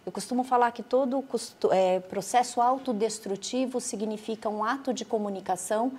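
A woman's voice: on the high side, brisk, a little mellow, husky. A woman, an expert guest in an interview explaining prevention and advising parents. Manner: explanatory, gives advice to parents.

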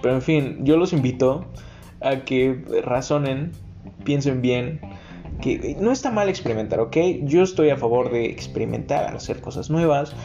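A man's voice: medium pitch, moderate pace, dark tone, highs cut off, faint music behind. A young man with a Mexican accent telling stories in a crude, joking, slang-heavy monologue. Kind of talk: casual storytelling monologue.

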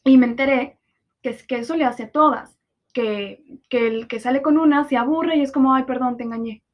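The dull lo-fi recording captures a Mexican woman in her twenties speaking at a normal speed in a high-pitched voice. As a podcast host she delivers a casual, confessional monologue, sarcastic and blunt and full of profanity.

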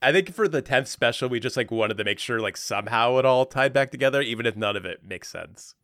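A man's voice: mid-range voice, animated, a little fast, a bit bright, no room sound, studio quality. A young man chatting casually on a podcast, rambling and laid-back with lots of fillers. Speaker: podcast co-host, special guest. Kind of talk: casual chat.

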